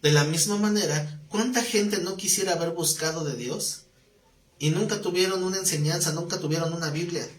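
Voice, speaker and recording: A man, a pastor teaching a live Bible class, telling stories in a lively way and asking the class questions. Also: a little high, fairly quick. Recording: echoey room, faint background noise.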